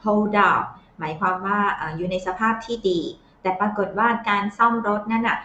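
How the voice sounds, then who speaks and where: A woman teaching English, explaining everyday phrases patiently and reading English lines slowly. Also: mid-range voice, sharp tone, a little hiss or hum. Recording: echoey, slightly dull sound.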